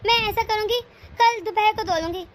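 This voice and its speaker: A woman's voice: very high voice, normal speed. A woman voicing a patient, dutiful elder daughter-in-law in a cartoon family drama, soothing and accommodating. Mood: placating.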